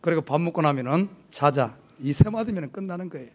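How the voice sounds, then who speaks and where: A man's voice: on the high side, very fast. A middle-aged man from South Korea with a Gyeongsang accent, a pastor telling a humorous personal story in a sermon at church. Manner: storytelling with humor, lively and animated. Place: church sanctuary.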